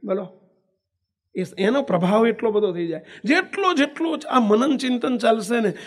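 A man's voice: very high-pitched, moderate pace. A monk giving a devotional discourse, often asking his listeners questions and using everyday examples. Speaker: monk preacher.

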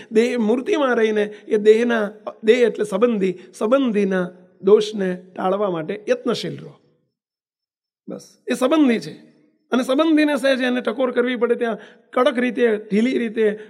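Monk preaching, really high voice, keeps quizzing the crowd with homely examples. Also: male voice. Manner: asks the listeners questions, uses everyday examples. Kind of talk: devotional discourse.

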